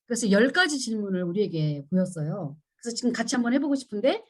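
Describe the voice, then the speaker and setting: A woman's voice: medium pitch, sing-song, fast talker. A middle-aged woman teaching a church women's seminar, acting out her own past pleas as quotes and putting questions to the listeners. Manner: asks the audience questions. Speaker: seminar speaker.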